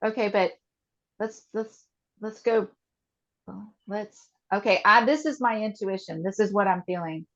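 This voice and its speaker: A woman's voice: mid-range voice, a little slow, lo-fi sound. A woman leading a guided tapping session on a video call, speaking earnestly and emotionally in short repeated statements.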